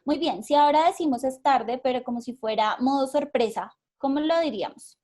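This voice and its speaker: A woman with a Colombian accent runs a workshop over a video call, her voice sitting a little high. She explains patiently, circling back with fillers and repeated words as she searches for the right phrase. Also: a little fast, a little mellow. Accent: Colombian Spanish. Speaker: workshop facilitator. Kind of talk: live online workshop.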